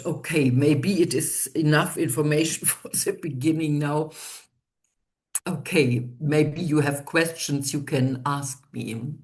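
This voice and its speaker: A woman presenting her project in an online webinar, speaking hesitantly with many fillers and restarts. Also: low-pitched.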